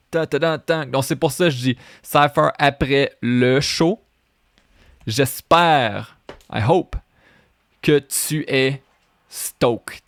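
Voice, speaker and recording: A man's voice: mid-range voice, fairly bright tone, dry recording. A man with a Québécois French accent, explaining his own rap lyrics line by line, repeating phrases and slipping into English. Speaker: French teacher and rapper.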